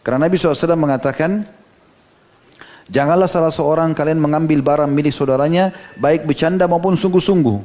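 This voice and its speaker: A middle-aged man preaching at a quick clip, walking his listeners through stories from hadith. He often drops in a short "ya" to check they are following. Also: a little high, a little mellow. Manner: storytelling lecture, quoting hadith, frequent "ya" asides. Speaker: Islamic preacher. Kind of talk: sermon.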